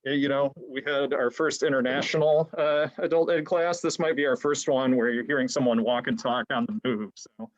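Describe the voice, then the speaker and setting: A man's voice: medium pitch, fairly even intonation, normal speed, hardly any pauses, highs cut off. Guy teaching church history over a video call, audio keeps cutting in and out, volume all over the place. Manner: stumbling restarts, easygoing. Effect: audio volume uneven, keeps dropping out. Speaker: adult education class teacher. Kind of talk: online church history lecture. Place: inside a church.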